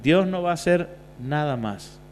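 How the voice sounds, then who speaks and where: Pastor guy preaching hard, highish voice, churchy echo, bit of hum behind. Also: expressive, normal speed. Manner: preaching with swings from quiet to loud. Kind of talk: sermon. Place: church hall. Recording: reverberant church hall, faint hum.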